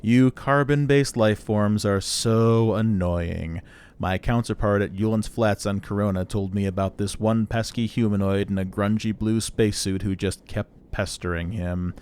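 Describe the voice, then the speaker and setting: A depressed male robot, as a man puts him on, drawls every word slowly and with open contempt. The voice sits low and weary, dripping with tired superiority. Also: fairly even intonation, darkish tone, smooth, close to an everyday voice. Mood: gloomy. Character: gloomy condescending male robot, depressed and sneering.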